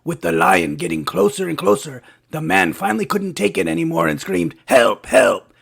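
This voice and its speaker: A scruffy male cartoon bat comedian, played by a man tells one silly joke after another. His voice is gravelly and husky and sits a little high. He hits each punchline and switches voices for the people in his jokes. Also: animated, a bit bright, exaggerated voice. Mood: cheeky. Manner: punchy joke delivery, quick switches between characters' voices. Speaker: late-night comedy host. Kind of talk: cartoon stand-up joke telling.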